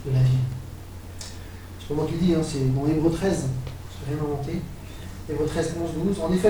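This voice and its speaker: A man preaching a sermon, animated and building to excited exclamations. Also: a little high, slight background noise. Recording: echoey hall, voice from far off.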